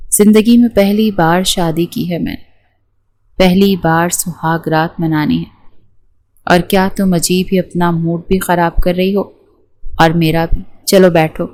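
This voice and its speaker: A woman's voice: lowish voice, steady tone, darkish tone, no echo, natural voice. A woman voicing a bossy, hot-tempered young groom in an audiobook, taunting and scolding. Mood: coaxing.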